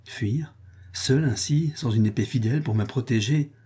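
A man's voice: mid-range voice, normal speed, dark tone, slightly rough. A man reading aloud, voicing a proud, defiant deposed queen with indignant, haughty exclamations. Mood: alarmed.

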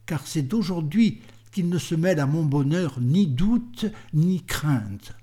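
A man's voice: fairly high pitch, animated, slow, mellow. A man reading a passionate, lovesick young man in an audiobook, fervent and pleading.

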